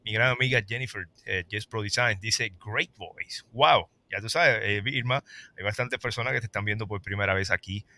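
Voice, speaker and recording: A man hosting a casual talk show, lively and reading out viewer comments. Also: fairly low pitch, moderate pace. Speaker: host.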